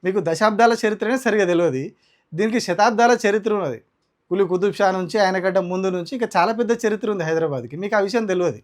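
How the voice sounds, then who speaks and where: A man's voice: high voice, fast talker. A man from Telangana speaking with a Telangana Telugu accent, delivering heated, combative opinion commentary as a political commentator. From Telangana, India. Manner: indignant, combative, rhetorical.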